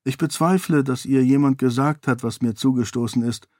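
A man voicing a grieving woman, an exiled mother who speaks softly and sorrowfully in an audiobook. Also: medium pitch, normal speed, no echo, studio quality, close to an everyday voice. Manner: soft, sorrowful.

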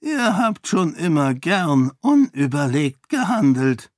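A man's voice: on the high side, very animated, slow, no room sound, studio quality, voice pushed up. Man voicing a grave old duke.

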